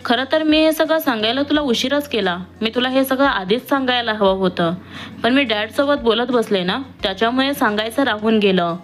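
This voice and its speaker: A woman's voice: a little high, moderate pace, natural voice. A woman voicing an outspoken, teasing young woman who has just qualified as a doctor, in a read-aloud story. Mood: lively. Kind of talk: storybook reading.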